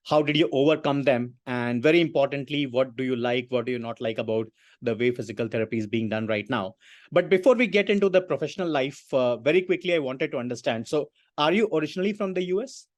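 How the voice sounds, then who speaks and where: A man's voice: medium pitch, dry recording. A man hosting a podcast interview, asking questions in a formal way with frequent hesitations. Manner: formal, hesitant with many uh fillers. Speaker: podcast host.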